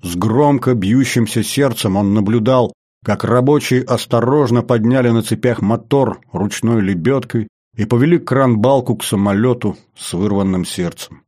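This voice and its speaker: A man doing scripted audiobook narration in a measured, steady reading voice. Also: mid-range voice, dry recording, clean studio sound.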